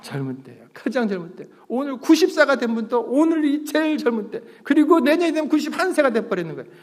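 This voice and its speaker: Very high-pitched and sing-song, a middle-aged man's voice moves quickly as he preaches as pastor. Earnest and emphatic, he draws the congregation into call-and-response, with the long reverb of the church sanctuary around him.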